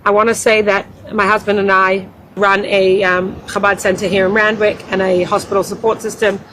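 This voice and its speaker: A woman's voice: medium pitch, flat delivery, normal speed, a bit bright, poor audio. A woman, speaking earnestly and with passion as an interview guest who runs a community center. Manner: earnest and impassioned, rising when quoting others. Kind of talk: emotional interview testimony.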